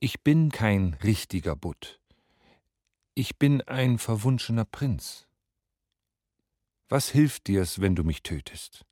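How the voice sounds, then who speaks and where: Man doing a talking fish from a fairy tale, low calm pleading voice, slow, dry sound. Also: dry recording, exaggerated voice. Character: enchanted flatfish, a cursed prince pleading.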